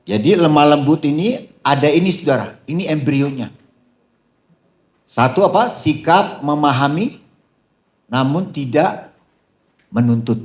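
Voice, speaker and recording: Animated male preacher at a seminar. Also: mid-range voice. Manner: animated preaching, big shouted punchlines and laughter; addresses the crowd as "Saudara", calls out "haleluya". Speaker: pastor. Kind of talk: seminar sermon.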